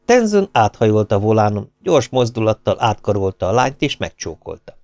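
A man reading a novel aloud as an audiobook narrator, with an expressive delivery. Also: fairly low pitch, no room sound. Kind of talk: scripted narration.

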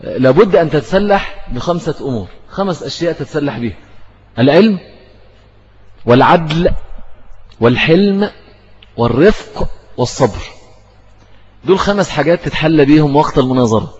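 A man's voice: fairly high pitch, lively intonation, moderate pace, long pauses, a little mellow, husky. Egyptian male religious teacher, lesson delivery, muffled recording with long hall reverb. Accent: Egyptian Arabic. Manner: asks and answers his own questions. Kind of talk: religious lesson explaining hadith.

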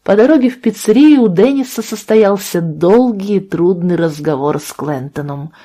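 A woman reading an audiobook, calm and measured. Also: medium pitch. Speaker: audiobook narrator. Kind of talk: expressive audiobook narration.

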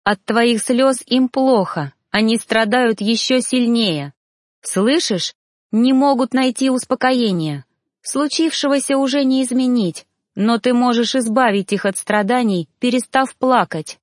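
A kind young female reaper, read by a woman in an audiobook, speaking softly and steadily to comfort someone. Her voice sits fairly high and sounds dry and close, with no room around it. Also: unhurried, no echo, lightly acted. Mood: gentle, firm. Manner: gentle, steady, reassuring.

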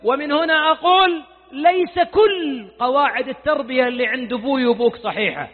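A middle-aged Saudi preacher with a strikingly high voice, pleading with fervour and firing rhetorical questions. The recording is tinny and thin, with a long hall reverb behind him. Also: male voice, expressive, fairly quick. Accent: Saudi Arabian. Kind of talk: sermon.

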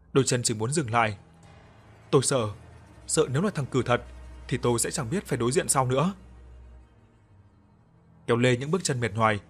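A man narrating a story in the first person, with a somber, measured reading and acted dialogue. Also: medium pitch, slightly rough.

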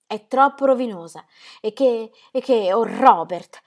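A woman's voice: on the high side, sing-song, normal speed, voice pushed up. A woman reading the part of an anxious young pastor's wife who pleads and repeats herself breathlessly. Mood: pleading.

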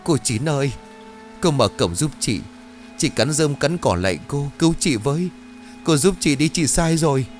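A man voicing a desperate middle-aged woman who begs for help in a high, tearful voice. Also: animated, moderate pace, soft background music, lightly acted. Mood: pleading tearful. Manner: tearful, pleading, high-pitched.

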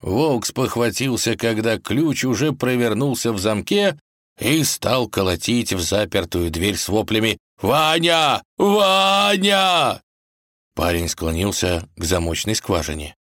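A man narrating a fairy-tale storybook in a lively, expressive way. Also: lowish voice, a little slow, dry recording, studio quality. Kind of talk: storybook reading.

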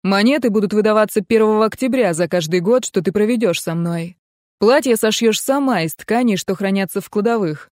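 A stubborn, hot-tempered laird who barks his orders loudly and won't be refused, as a woman reads him in an audiobook. The voice stays mid-pitched rather than deep, and the sound is dry and close. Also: a little fast, dry recording, close to an everyday voice. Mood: insistent. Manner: forceful, raised, commanding. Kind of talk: audiobook character reading.

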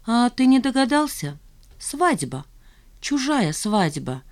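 A woman reading an audiobook, voicing a proud, sharp-tongued young woman. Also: a little high, sing-song, slow, no room sound, pitched above the performer's own voice. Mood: bitter, haughty. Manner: haughty, cutting retorts.

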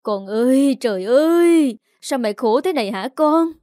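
A woman voicing an anxious, sharp-tongued middle-aged mother in an audio story, who scolds and grows shrill when upset. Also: moderate pace, no echo, studio quality, natural voice. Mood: frantic.

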